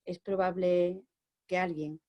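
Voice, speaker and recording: A woman with a Spanish accent from Spain, an oral storyteller and educator, telling a children's story in an animated way that moves between bright and hushed. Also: on the low side, takes it slowly, dry recording, muffled recording.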